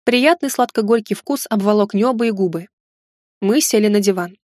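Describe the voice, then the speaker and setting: A woman reading a first-person romance audiobook in a calm, intimate storytelling manner. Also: mid-range voice, normal speed, no echo, studio quality. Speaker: audiobook narrator.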